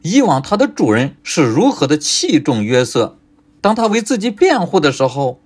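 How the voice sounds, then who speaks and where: Husky man preaching with lively pitch. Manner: emphatic, rising and falling delivery with rhetorical questions. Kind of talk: sermon.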